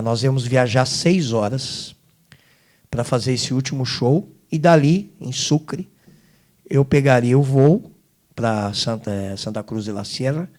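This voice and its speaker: Animated São man telling his story. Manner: animated, swinging between loud emphasis and hushed low asides. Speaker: guest singer. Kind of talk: emotional storytelling testimony.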